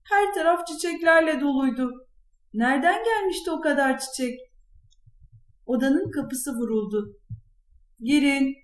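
High-voiced woman reading a children's story. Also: expressive, moderate pace. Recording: echoey room.

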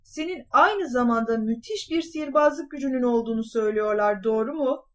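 A woman's voice: on the high side, a little fast, close to an everyday voice. A woman voicing a clever, scheming talking cat in boots in a storybook reading, bold and courtly in manner. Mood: sly.

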